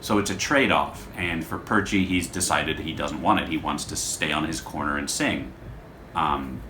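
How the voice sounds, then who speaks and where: A man with a bass voice, speaking at a moderate pace in a pushed, bright tone, talks off the cuff to camera as host of his show. His casual, unscripted vlog is rambling, introspective and self-deprecating. He's in a hotel room with someone else holding the camera, and the room sounds echoey with faint background noise.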